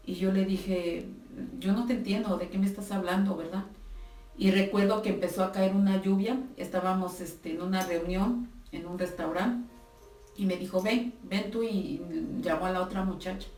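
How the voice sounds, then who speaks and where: A woman's voice: mid-range voice, darkish tone. Female preacher, exhorting, retells dialogue, distant mic in a reverberant room. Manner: tells her story with quoted dialogue, exhorting, tag questions. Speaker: speaker at a women's prayer camp. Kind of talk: testimony and preaching. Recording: roomy hall, distant mic, faint music.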